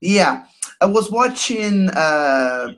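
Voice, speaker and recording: A Brazilian man in his thirties chats casually on a video call, speaking English as a second language with a Brazilian Portuguese accent. As a caller he sounds high-pitched, bright and very animated, yet his speech is halting and hesitant, full of fillers.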